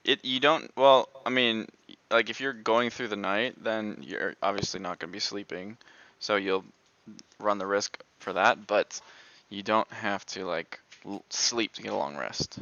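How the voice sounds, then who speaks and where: A man's voice: fairly low pitch, a little slow, bright, forceful tone, no echo. A man running a tabletop game as game master, explaining rules loosely with lots of filler words. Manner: rambling, lots of "like". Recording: dull lo-fi sound.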